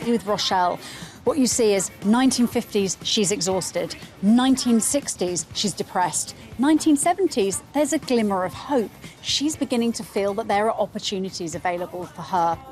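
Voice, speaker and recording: A woman presenter interviewing a family, asking clear, inquisitive questions. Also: mid-range voice, expressive, moderate pace, a little mellow, soft background music.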